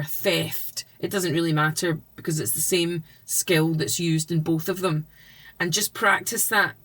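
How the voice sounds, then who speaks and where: Woman, low-pitched, reading tutor, patient, explanatory, instructional vlog. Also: a bit bright.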